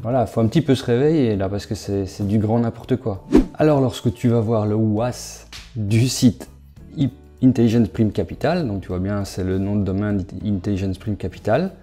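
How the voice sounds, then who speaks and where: A man giving a casual screen walkthrough as a YouTuber, talking straight to the viewer and halting with fillers. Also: lowish voice, mellow, faint music behind. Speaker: crypto investment YouTuber.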